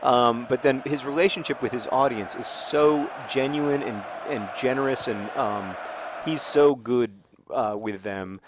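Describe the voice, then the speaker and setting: A man's voice: mid-range voice, unhurried, noisy background. A man hosting a gaming video, chatting casually and rambling with joking asides while he plays.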